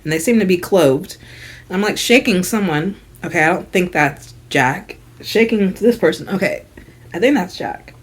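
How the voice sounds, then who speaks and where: A young woman vlogger telling a story in casual chat, slangy and animated, dropping to hushed asides and rising to loud exasperated bursts. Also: on the low side, normal speed, husky.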